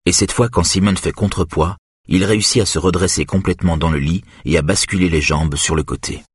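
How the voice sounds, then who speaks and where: A man narrating an audiobook in a steady, even reading. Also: deep voice, a little fast, breathy edge, dry recording, studio quality.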